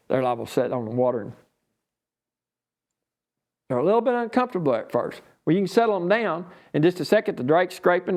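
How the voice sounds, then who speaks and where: A man with a Southern US accent explains his craft as an instructor would in an informal lesson. His voice sits at a middle pitch, and he talks in a folksy, rambling, unscripted way. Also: a little mellow. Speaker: duck calling instructor and champion.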